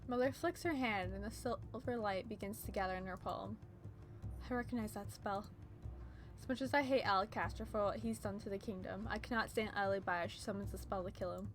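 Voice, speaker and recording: A woman's voice: medium pitch, brisk, faint music behind. A woman reading a visual novel as its narrator, mixing dramatic storytelling with casual commentary.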